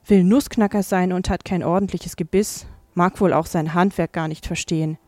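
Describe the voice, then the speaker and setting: A woman voicing a brash, stubborn young boy who talks quickly and scornfully. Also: fairly low pitch, fairly even intonation, a little mellow, no echo, close to an everyday voice.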